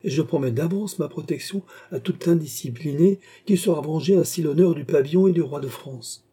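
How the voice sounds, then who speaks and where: Man doing an excitable, gracious old-regime king, higher and louder than usual, dark husky timbre, storybook reading. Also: brisk. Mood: delighted, eager. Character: eager, effusive male French king. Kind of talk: audiobook character voice.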